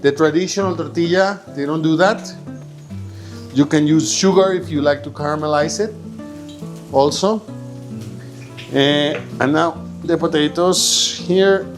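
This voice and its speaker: In his kitchen with guitar music playing, an Egyptian home cook gives a chatty, casual cooking demonstration, improvising and checking in with his listeners. His voice is a little high and a little slow, and he pauses often.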